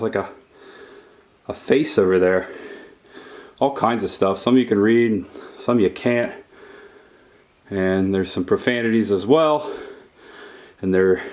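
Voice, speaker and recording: A man narrating a casual solo exploring vlog, talking straight to his viewers in short, deliberate phrases. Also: medium pitch. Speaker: solo explorer filming a cave tour for viewers. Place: on a forest trail and in a small cave.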